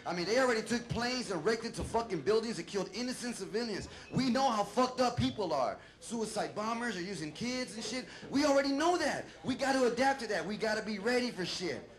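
A middle-aged man doing a loud, profane, rambling stand-up set on a club stage, shouting his punchlines. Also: high-pitched, lively intonation, a little fast, few pauses. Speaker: stand-up comedian. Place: comedy club stage with a laughing audience. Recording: echoey live room, loud crowd noise.

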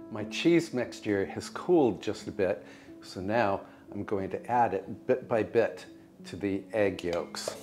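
An older American man hosting a home cooking show, explaining each step in a calm, precise, gently encouraging way in his kitchen. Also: lowish voice. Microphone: lapel mic.

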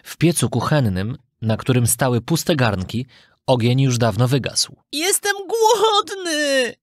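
A storyteller reading a children's fairy tale aloud in an expressive, scripted way. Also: mid-range voice, a little slow, no echo, clean studio sound. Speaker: narrator.

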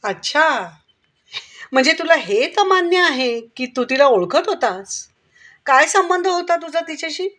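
A woman's voice: sits high, lively intonation, a little slow, fairly bright tone, pitched above the performer's own voice. A woman voicing a stern male police inspector who fires probing questions in a storybook reading.

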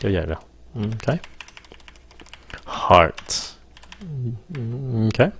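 Fairly low-pitched and expressive, a man teaches English pronunciation on a casual live stream. He stops to pronounce words slowly and sprinkles English phrases throughout.

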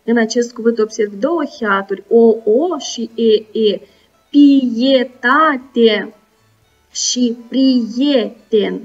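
A woman teacher giving a recorded school lesson, pronouncing sounds and syllables slowly and carefully. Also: fairly high pitch, far from the mic. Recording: dull lo-fi sound, voice set back, soft music. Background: soft background music.

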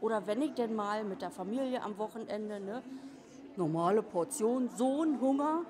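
A woman's voice: mid-range voice, expressive, normal speed, a crowd in the background. A woman in her fifties, a course participant, talking in a chatty way in an interview.

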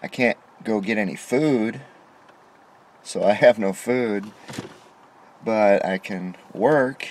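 Indignant middle-aged man, low voice. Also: slow pace, long pauses, darkish tone, slight background noise. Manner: aggrieved, indignant, rising emphasis on complaints. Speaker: vlogger. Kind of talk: frustrated monologue to camera. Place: inside a parked car at night. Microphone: camera on dashboard facing him.

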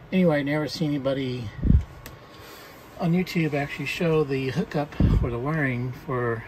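A man filming a walk-through of his camper trailer on a handheld phone, explaining things in a plain, halting way with many ums and restarts. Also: medium pitch, noisy background. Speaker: camper owner showing a solar install. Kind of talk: casual walk-through narration. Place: outdoors and inside a small camper trailer.

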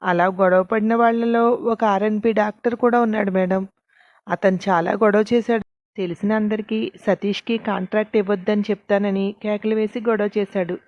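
A woman's voice: mid-range voice, fairly even intonation, normal speed, darkish tone, no room sound, lightly acted. A woman voicing an earnest, respectful male worker telling an officer what he knows, in a told story. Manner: explaining earnestly, addressing "madam".

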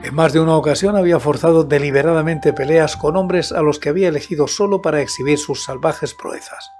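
An elderly man reads a scripted horror story into a close studio mic. His voice sits slightly high for a man, and his delivery is deliberate and measured. Music plays behind him. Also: darkish tone. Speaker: audiobook narrator and host of a horror story show. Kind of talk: scripted narration of a horror tale. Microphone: close studio microphone with headset monitoring. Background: background music.

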